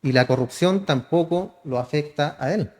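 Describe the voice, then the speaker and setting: A man's voice: fairly high pitch, normal speed, a little mellow. A man, a pastor preaching a sermon, often calling listeners "hermano" and answering his own questions. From Chile. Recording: church hall reverb.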